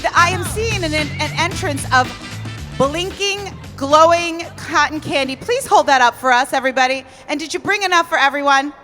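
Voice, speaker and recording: A woman's voice: high voice, normal speed, long reverb tail, music in the background. A woman hosting a live cooking stage at a convention, bubbly and a little flustered. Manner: bubbly, flustered, laughing at herself. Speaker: event emcee. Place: large convention hall stage.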